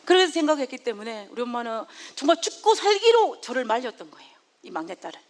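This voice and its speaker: Brief: high-voiced woman preacher, storytelling sermon with frequent laughs. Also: sing-song, fast talker. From South Korea.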